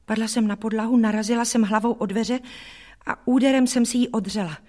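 A woman's voice: a little high, fairly even intonation, a little mellow. Woman narrating an audiobook.

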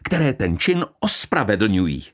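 A man's voice: fairly low pitch, very animated. A man voicing a bitter young woman who speaks coldly, sharply and with contempt. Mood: scornful. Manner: cold, sharp, piercing, contemptuous. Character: bitter young woman, cold and scornful daughter.

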